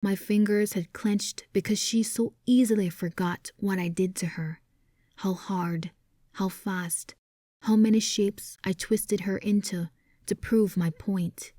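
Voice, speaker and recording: Woman narrator for a steamy romance read: slow, mellow, hushed, half-whispered, dry close mic. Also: mid-range voice, fairly even intonation, no room sound. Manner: hushed, often sliding into a whisper. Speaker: audiobook narrator. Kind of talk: first-person romance audiobook narration.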